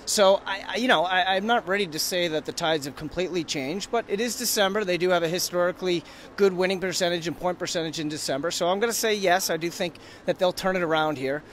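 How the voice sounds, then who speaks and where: A man's voice: high voice, fast talker, a bit bright, slight background noise. A man in his thirties, a hockey reporter, giving hesitant, casual post-game analysis rinkside in an empty arena, picked up on a phone. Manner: hesitant, lots of restarts. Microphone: host's phone at arm's length.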